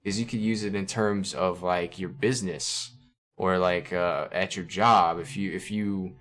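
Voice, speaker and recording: Man musing aloud, lower-pitched voice. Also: steady tone, unhurried, a bit bright. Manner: reflective, conversational, frequent fillers and restarts. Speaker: channel host analyzing song lyrics. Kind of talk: casual spoken commentary. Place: indoors at a computer. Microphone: compressor on a desk mic at a computer.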